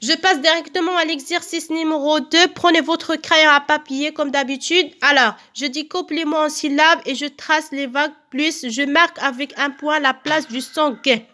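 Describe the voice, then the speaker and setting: Female primary teacher, high bright voice, unhurried, careful syllable-by-syllable delivery for young pupils. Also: fairly even intonation. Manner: slow, careful, repeats words and claps out syllables. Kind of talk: recorded phonics lesson for children.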